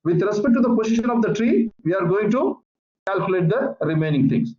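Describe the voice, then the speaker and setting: A man teaching a physics lesson over an online call, explaining slowly and patiently with many repetitions. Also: high voice, expressive, a little mellow, a little hiss or hum. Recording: echoey, muffled online call audio.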